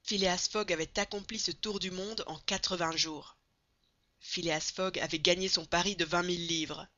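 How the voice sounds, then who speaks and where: Woman audiobook narrator, lower pitch but bright timbre, expressive, slightly muffled recording. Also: moderate pace. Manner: expressive reading, building excitement at dramatic moments. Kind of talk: scripted narration of a classic novel.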